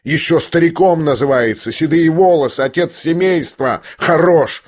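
A man's voice: on the high side, moderate pace, pitched above the performer's own voice, lightly acted. A man voicing a bitter, angry grown son who answers curtly and cuttingly. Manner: biting, curt.

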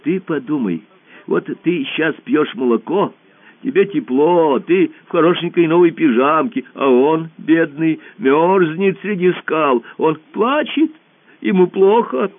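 A man's voice: fairly high pitch, expressive, measured pace, dry recording, pitched above the performer's own voice. A man voicing a cruel alien emperor who talks in a falsely sweet, coaxing way and now and then hisses threats. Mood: mock sweet. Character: sly cruel smooth-talking male alien emperor. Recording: tinny phone-like radio audio.

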